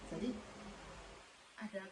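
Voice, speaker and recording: A woman in her sixties giving an earnest, devout personal testimony about her volunteer work, in a home visit. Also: slow pace. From Indonesia. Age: 60s. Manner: earnest, emotional and devout storytelling. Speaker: hospital patient-escort volunteer. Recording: roomy with loud background noise.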